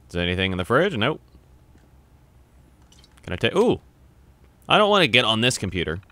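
A young man plays a video game on camera in casual let's-play style, chatting, swearing, letting out loud startled yelps, and reading on-screen text aloud. His voice is lowish and sing-song, he talks fairly quickly, and the recording has no room sound.

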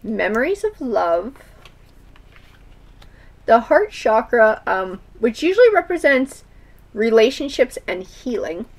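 Gentle-voiced woman reading tarot cards. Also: a little high, big pitch swings, slow pace, long pauses. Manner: thoughtful, with many fillers and restarts. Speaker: tarot reader.

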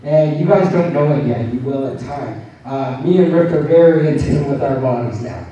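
Casting: upbeat male yoga teacher, soft and mellow tone, distant mic in a big echoing hall. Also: medium pitch, expressive, normal speed, muffled recording. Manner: encouraging, repetitive reassurance. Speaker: yoga instructor. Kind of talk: live class instruction. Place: large convention hall. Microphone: handheld microphone.

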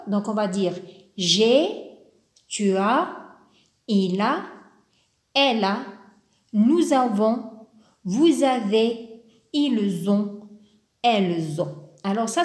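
A woman's voice: a little high, darkish tone. A woman teaching a French grammar lesson, patiently repeating each verb form and stressing the key words. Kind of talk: slow, deliberate grammar lesson. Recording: roomy echo.

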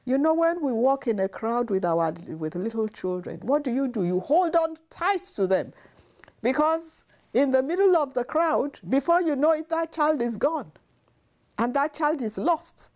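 A woman's voice: high-pitched, lively intonation, unhurried, a little mellow. A middle-aged woman giving an earnest devotional sermon to camera from a living room, repeating phrases for emphasis, on a lapel mic. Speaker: devotional speaker. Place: living room, seated on sofa.

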